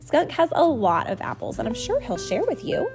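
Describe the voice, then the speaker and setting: A woman's voice: high-pitched, huge pitch swings, moderate pace, a little mellow, faint music behind, voice pushed up. A woman reading the lines of a cheerful, friendly male raccoon in a children's storybook. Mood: inviting. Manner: cheerful, inviting.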